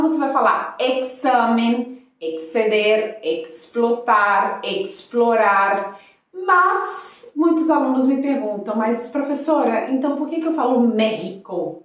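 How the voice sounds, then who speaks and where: A Brazilian woman from Espírito Santo with a Capixaba accent, teaching an online Spanish pronunciation lesson and slowing down to model each word. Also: a little high, heavy reverb, recorded from a distance. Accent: Capixaba Brazilian Portuguese. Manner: lively, addresses students directly, slows down to model words.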